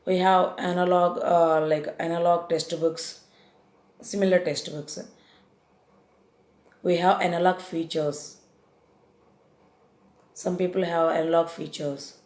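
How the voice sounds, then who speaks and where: The recording sounds roomy, and the woman's voice is lowish with a darkish tone. Teaching a vocabulary lesson in an Indian English accent, she covers confusable English words, repeats each definition, and frequently fills pauses with hesitations.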